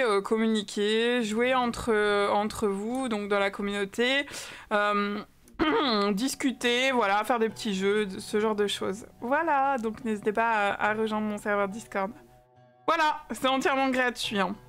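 Chatty high-voiced French woman streamer. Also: fairly bright tone, smooth. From France. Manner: chatty, greets viewers by name, many fillers. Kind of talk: casual live-stream chat.

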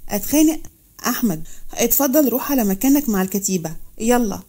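A stubborn young doctor snaps back in a sharp-tongued Egyptian voice, as a woman reads her. She talks fast with a slightly raised pitch. The timbre is mellow and warm, like a storybook romance. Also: animated. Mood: defiant. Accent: Egyptian Arabic.

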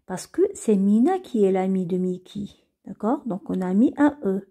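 A woman's voice: medium pitch, lively intonation, normal speed, dark tone, breathy edge. A woman teaching beginners to read French, patiently repeating and spelling out each word. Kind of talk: slow reading lesson for beginners.

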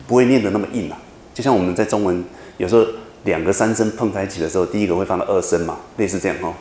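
A man lectures a university class in a low, slightly mellow voice, patiently explaining things more than once and frequently asking whether students are following. The room is reverberant, with a little hiss or hum.

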